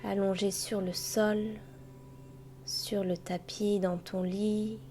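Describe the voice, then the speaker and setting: This female guide's voice is mellow, breathy and soft, often nearly a whisper, at a medium, level pitch. She leads a slow, soothing yoga nidra meditation with a gentle, very unhurried delivery and long pauses between short phrases, accompanied by soft chimes and music.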